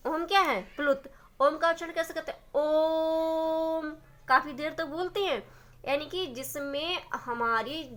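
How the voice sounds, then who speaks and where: Woman teacher, high voice, bright tone, asks and answers her own questions, grammar lesson. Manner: asks questions and answers them herself, drawing out example sounds. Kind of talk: blackboard-style grammar lesson.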